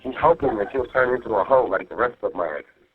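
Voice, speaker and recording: Calling from jail, a man rambles to his partner in a casual, profane vent, repeatedly asking "you know what I mean" and going back over points to check he's understood. His voice is medium-pitched and fairly quick, with lively intonation. The phone line is muffled, and faint music plays.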